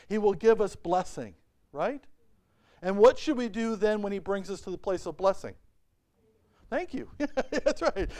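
A middle-aged man preaching a sermon from a church pulpit, animated and full of rhetorical questions. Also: sits high, clean tone. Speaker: pastor. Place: church sanctuary, at a pulpit by a whiteboard.

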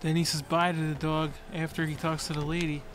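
A man's voice: a little high, little pitch movement. A young man chatting and joking while playing a video game with a friend. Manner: joking, playful, quick comebacks. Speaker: gaming co-host. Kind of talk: casual gameplay chat.

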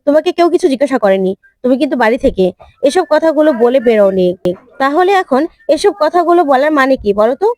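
A woman voicing a husband who pleads gently, then rebukes his wife. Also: high voice, lively intonation, quick pace, no room sound, studio quality. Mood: rebuking. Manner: rebuking, exasperated.

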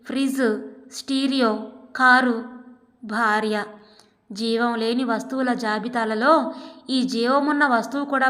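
A woman narrating an audiobook story in a steady, expressive reading voice. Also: on the high side. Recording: long hall reverb.

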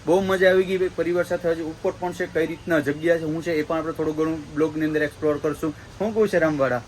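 Fast-talking vlogger man. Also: on the high side, fairly even intonation, a little hiss or hum. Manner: chatty, joking, addresses viewers as family. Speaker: vlogger host. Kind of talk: casual family travel vlog. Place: outdoors at a temple and village homes.

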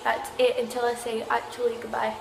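A teenage girl rambles casually into her phone camera, self-conscious and chatty. Her voice sits a bit high. The phone audio sounds echoey, as if the room is bouncing it back. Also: completely flat delivery, fairly quick, gravelly. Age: teens. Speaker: vlogger. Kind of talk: casual vlog talk to camera. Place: home rooms, then restaurant and bathroom. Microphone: phone held at arm's length.

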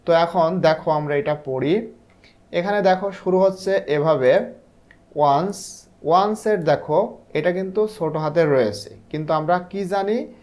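A male English teacher with a Bangladeshi Bengali accent, explaining a textbook lesson step by step. He reads the English lines slowly and answers his own questions. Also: on the high side, darkish tone.

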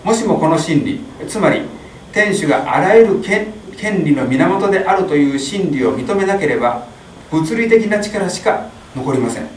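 A middle-aged man reading a translation of a sermon aloud in a small chapel, steady with small slips. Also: fairly high pitch, moderate pace, a little hiss or hum. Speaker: interpreter at a Mass. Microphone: stand mic. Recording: echoey chapel, distant mic.

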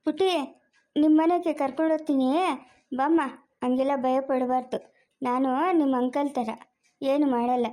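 A woman's voice: high voice, steady tone, normal speed, long pauses, warm tone, lightly acted. A woman playing a sly male kidnapper who sweet-talks a lost child in an amateur family skit. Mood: coaxing. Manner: sweet-talking, coaxing, then snapping.

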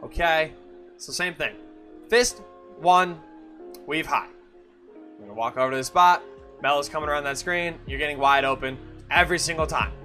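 A young man explains game plays in a loose, chatty way, full of fillers and restarts. His voice sits high and comes across bright and forceful. Faint music plays behind him. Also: normal speed, long pauses. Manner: casual and chatty, with many fillers and self-corrections. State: has the hiccups. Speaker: gaming YouTuber. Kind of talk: casual gameplay tutorial commentary.

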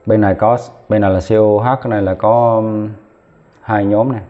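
Low-voiced male chemistry teacher, tinny audio. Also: steady tone, brisk. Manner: talks while writing, counts aloud, corrects himself mid-step. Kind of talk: lesson at a whiteboard.

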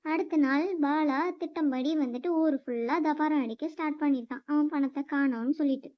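A woman narrating a children's cartoon story in a lively storytelling way. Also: high voice, a little fast. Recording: slightly muffled dry voice-over.

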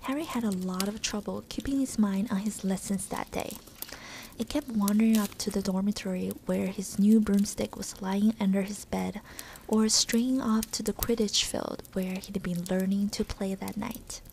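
A woman giving a soft, whispered ASMR reading of a storybook. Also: mid-range voice, steady tone, moderate pace, gravelly, slight background noise, low-quality recording.

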